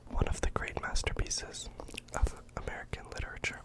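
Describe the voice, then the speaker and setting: A performer in a whispered role-play as a librarian, speaking in a deadpan, mock-earnest way with hesitant asides. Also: moderate pace. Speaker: ASMR performer playing a librarian recommending books.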